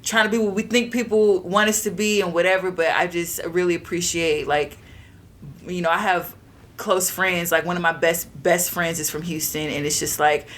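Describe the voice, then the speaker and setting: Chatty young woman, lowish voice. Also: moderate pace. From Texas. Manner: chatty, full of "like" fillers, expressive. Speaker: guest, actress and writer. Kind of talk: casual interview chat.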